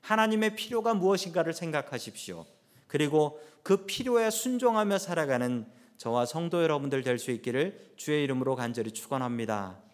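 A man's voice: on the high side, expressive, brisk. A man who is a pastor, preaching a sermon and telling a story with rising and falling emphasis.

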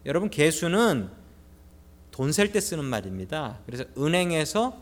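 A man in his forties preaching a sermon to his congregation, animated and dropping to soft whispers for emphasis. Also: fairly high pitch, normal speed. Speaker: pastor. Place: church sanctuary. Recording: long reverb of a church hall.

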